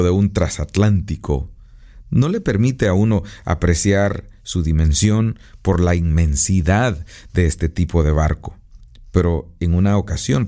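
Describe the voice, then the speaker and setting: A man in his fifties delivers an earnest radio sermon in a very low, gravelly voice with a dark, mellow tone. He speaks pastorally from a studio recording booth, pacing his words with pauses. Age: 50s. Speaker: radio preacher. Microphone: studio microphone.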